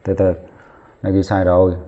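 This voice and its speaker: A male chemistry teacher with a fairly low voice works through each step, counting out loud and stopping to fix his own slips. The sound is thin and tinny, as if through a phone. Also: monotone, moderate pace. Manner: talks while writing, counts aloud, corrects himself mid-step. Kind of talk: lesson at a whiteboard.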